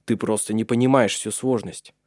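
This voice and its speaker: A man's voice: on the low side, fairly even intonation, normal speed, a little mellow, no echo, studio quality, lightly acted. A man voicing an earnest, protective young nobleman in love in an audiobook. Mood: urgent.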